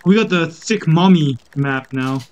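A man's voice: fairly high pitch, a little slow, a little mellow, smooth, highs cut off. A man in casual gaming chat, teasing his friends with crude banter. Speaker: gamer.

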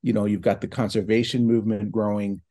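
A man's voice: lowish voice, level tone, quick pace, dark tone. A middle-aged man talking casually from a home office over a video call, thoughtful, with many fillers and restarts. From New Hampshire and Ohio, United States. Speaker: guest, foundation president. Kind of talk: casual online interview. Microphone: video call from laptop.

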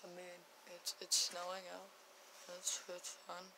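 A young woman talks in a gravelly, groggy morning voice, fairly low and flat. She rambles and halts as she vlogs quietly from her home, with a faint hum of room sound behind her. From Canada. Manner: keeping quiet, rambling and halting. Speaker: vlogger. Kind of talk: casual morning vlog. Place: home, indoors.

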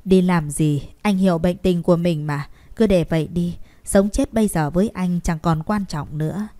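A woman voicing a gravely ill man in his thirties who speaks in a flat, resigned way. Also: fairly low pitch, normal speed, natural voice.

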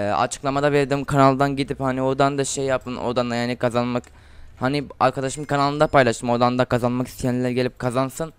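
A teenage boy from Turkey talks his viewers through a game, trash-talking opponents and getting loud and excited in fights. His voice is very clear and sits in a middle range. The sound is dry and close, from a desk mic at his computer. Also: mid-range voice, dry recording. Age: teens. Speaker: gaming YouTuber. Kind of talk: casual gameplay commentary.

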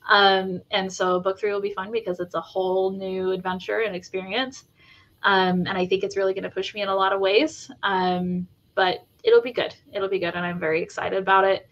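A woman's voice: medium pitch, flat delivery, fairly quick, fairly bright tone, lo-fi sound. A woman fantasy author as a guest, talking casually and enthusiastically with many fillers. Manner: chatty, many ums and likes, enthusiastic. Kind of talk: casual interview chat.

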